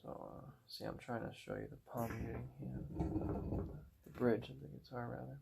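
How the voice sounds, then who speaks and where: A man's voice: medium pitch, steady tone, moderate pace, creaky, darkish tone, slight background noise. A man giving a casual acoustic guitar lesson, rambling and repeating words as he corrects himself. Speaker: guitar teacher. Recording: guitar music behind voice. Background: acoustic guitar playing.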